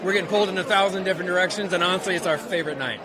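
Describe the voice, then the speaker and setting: A man with a high-pitched voice talks casually as an organizer in a live interview. A clear crowd is heard around him. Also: very fast. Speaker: festival organizer being interviewed. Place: busy red carpet event. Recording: crowd noise behind.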